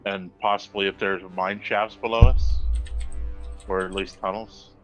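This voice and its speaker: A man playing a tabletop game, talking in a lively, joking way. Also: deep voice, measured pace, faint music behind, poor audio. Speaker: player.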